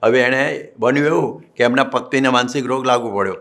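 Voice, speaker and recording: A man's voice: mid-range voice, fairly even intonation, fast talker, creaky, fairly bright tone. A man with a Gujarati accent, a monk preaching a religious discourse, telling folksy stories with acted quotes and chanted Sanskrit verses.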